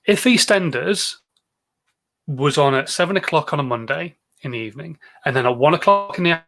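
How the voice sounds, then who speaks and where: A man's voice: a little high, animated, a little fast, pushed and bright. A British man giving casual livestream advice as a social media coach, emphatic, with repeated phrases and rhetorical questions.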